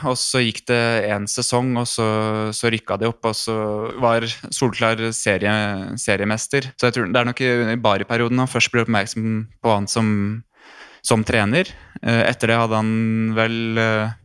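Hesitant man, smooth low voice. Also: fairly bright tone, dry recording, studio quality. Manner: thoughtful, hesitant with fillers. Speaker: football expert guest. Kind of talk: casual interview talk.

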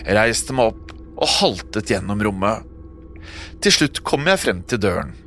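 A man's voice: fairly low pitch, very animated. A man reading a first-person horror story aloud, telling it expressively. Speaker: narrator. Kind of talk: scripted horror narration. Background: soft music.

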